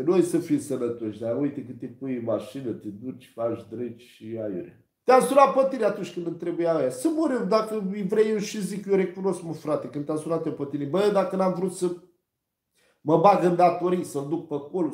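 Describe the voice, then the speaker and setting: A man telling a story on a live stream in rough slang, swearing often and quoting others. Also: on the high side, animated, darkish tone, roomy sound. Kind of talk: casual storytelling.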